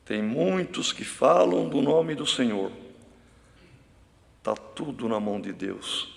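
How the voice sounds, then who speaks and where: A man preaching a sermon in a slow, halting way, often calling out to the brethren. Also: medium pitch, animated, gravelly, in a large hall. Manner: slow, halting delivery with frequent address to the brethren. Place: church hall.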